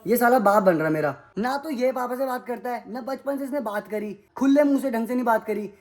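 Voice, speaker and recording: A man's voice: very high voice, a little fast. A young man from India venting angrily in a home vlog, with heated, accusing, repetitive outbursts at his brother. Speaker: vlogger. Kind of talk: angry vlog rant to camera. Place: family home, indoors.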